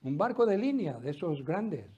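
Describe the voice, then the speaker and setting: A middle-aged man preaching a sermon, swinging loud exclamations to hushed, almost whispered asides. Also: on the high side, moderate pace, slightly rough. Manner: lively preaching with sudden drops to near-whisper. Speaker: pastor.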